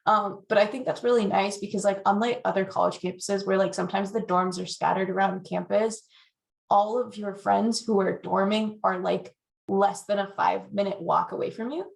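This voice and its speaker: A woman's voice: mid-range voice, fairly even intonation, moderate pace, gravelly. A young woman on an alumni panel, talking casually with lots of fillers. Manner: chatty, many fillers like "like".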